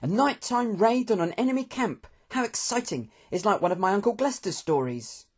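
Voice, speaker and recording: A man voicing an eager, excitable young man who talks in a breathless, enthusiastic rush. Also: sits high, normal speed, pitched above the performer's own voice. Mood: excited.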